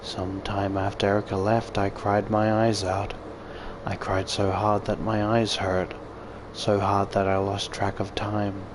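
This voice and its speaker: Narrating a visual novel in the first person for his YouTube audience, this man aims for dramatic expression, though his lowish voice comes out monotone and a little slow. The recording has background noise and loud music.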